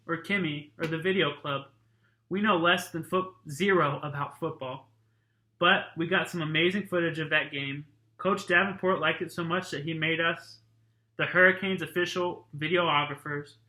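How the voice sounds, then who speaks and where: A man, a teacher, reading a novel aloud to his students in a plain, steady, casual way. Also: fairly high pitch, roomy sound, poor audio.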